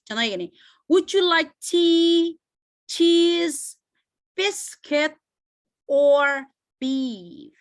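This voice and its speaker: A woman's voice: medium pitch, a bit bright, no room sound, studio quality. A woman teaching English pronunciation in an online class, chatty, mixing languages and checking that students follow. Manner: switches between Indonesian and English, often checks students follow; chatty and loose, with many fillers. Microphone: video call.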